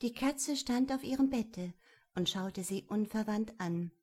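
Woman, storybook narrator, gentle, measured, very slow delivery. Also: medium pitch. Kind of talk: storybook reading.

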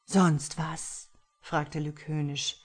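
A woman voicing a calm, cruel demonic male killer who taunts his victim slowly and mockingly. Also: deep voice, exaggerated voice.

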